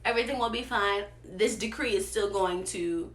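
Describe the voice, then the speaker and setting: A woman's voice: mid-range voice, moderate pace, roomy sound, slight background noise, pitched below the performer's own voice, close to an everyday voice. A woman voicing an older male cousin who brushes off danger in an offhand way. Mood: dismissive. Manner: dismissive, offhand.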